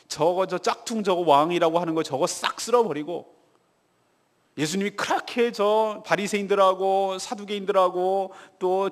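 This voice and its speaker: A male pastor giving a sermon in a lively, animated manner, acting out the voices of the people in his story. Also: high-pitched. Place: church sanctuary. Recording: long church reverb.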